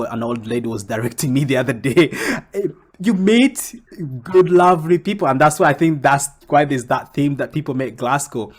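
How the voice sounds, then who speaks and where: A young comic book creator from Congo, speaking at medium pitch, answers interview questions casually and animatedly. His voice jumps up whenever he quotes himself.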